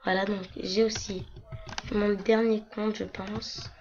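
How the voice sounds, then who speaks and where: Young woman, hoarse voice, casual rambling vlogger, muffled home computer mic with faint noise. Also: medium pitch, level tone, slow, darkish tone. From France. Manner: chatty, rambling with many fillers. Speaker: gaming vlogger. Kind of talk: casual screen-recording walkthrough.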